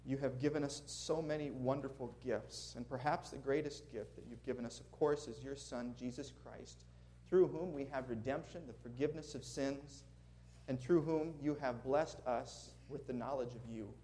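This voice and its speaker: The audio is poor, with a little hiss or hum, as a Minnesota-accented man preaches before a congregation in a church sanctuary. A guest preacher with a medium-pitched, dark voice at a moderate pace, he's earnest and friendly, chuckling through asides in a sermon of prayer and storytelling.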